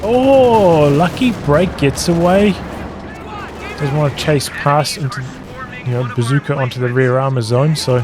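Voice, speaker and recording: A man giving live play-by-play commentary on a strategy game in clipped, fragmentary running remarks. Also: on the high side. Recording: loud game gunfire and explosions behind. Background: video game artillery, gunfire and vehicle sounds.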